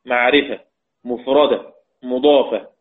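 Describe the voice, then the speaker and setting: A man's voice: mid-range voice, fairly even intonation, unhurried. A man teaching a religious lesson on Quran recitation rules, explaining step by step and asking his students questions. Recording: tinny phone-like audio.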